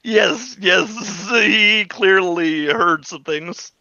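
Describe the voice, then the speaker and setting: A man with a fairly high, bright voice runs a tabletop game, casually narrating and giving rulings. He sounds forceful, in a dry, slightly dull recording. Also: extremely slow, no room sound. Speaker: game master.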